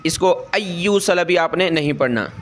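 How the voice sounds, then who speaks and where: A man teaching Quran recitation. He explains each rule slowly, checks in with "ठीक है" over and over, and chants the verses long and drawn out. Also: high voice. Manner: says "ठीक है" often to check the listener. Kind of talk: Quran tajweed lesson.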